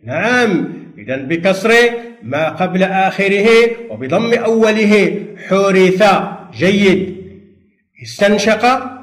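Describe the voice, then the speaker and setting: A man teaching a primary school Arabic grammar lesson for television, speaking patiently and drawing out words, with pauses for pupils to answer. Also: high voice, roomy sound. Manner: patient, slow, drawn-out drilling with pauses for answers. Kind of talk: televised distance-learning lesson.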